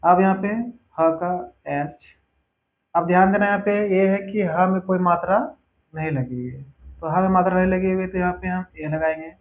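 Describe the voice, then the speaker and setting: A man teaching a spelling lesson, patiently repeating each word slowly for his students. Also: high-pitched. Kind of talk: spelling lesson over a board. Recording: tinny phone-like audio.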